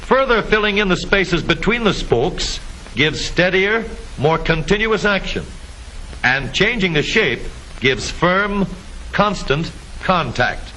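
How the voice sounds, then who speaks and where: A man narrates a vintage 1950s educational film in a bright, forceful voice with very lively intonation. He explains step by step in scripted, deliberate phrases. The old soundtrack carries a faint hiss. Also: high voice, low-quality recording.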